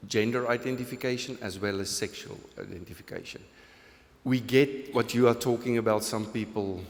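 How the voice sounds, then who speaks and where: This South African pastor has a lowish voice and a South African accent. He delivers an earnest, conversational sermon in a church sanctuary, laughing at his own jokes and taking open questions from the congregation, all under a long hall reverb.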